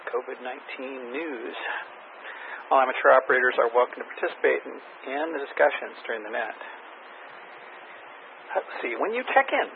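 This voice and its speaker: A man with a gravelly, fry-edged voice calls the roll of a radio net. His call signs come out slow and spelled phonetically. The sound is thin and narrow like a radio transmission, with a faint hiss of static. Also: medium pitch. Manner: reads call signs slowly in phonetic alphabet, orderly. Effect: heard over a two-way radio with static. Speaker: amateur radio net control operator. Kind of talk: running a ham radio check-in net.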